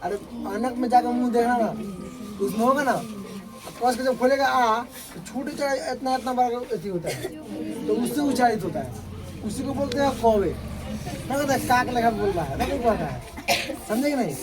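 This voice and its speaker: A man's voice: very high-pitched, lively intonation, moderate pace, a crowd in the background, low-quality recording. Man drilling sounds in class. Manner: drills sounds aloud, repeats and checks students. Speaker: teacher. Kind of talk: classroom grammar lesson. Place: classroom with pupils.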